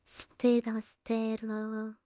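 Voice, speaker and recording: A solo animation creator and streamer, a woman with a slightly high voice, talks slowly in a close, dry recording with no echo. Her tone is monotone and mellow as she casually thinks aloud while working, murmuring hesitantly to herself and adding polite asides for viewers.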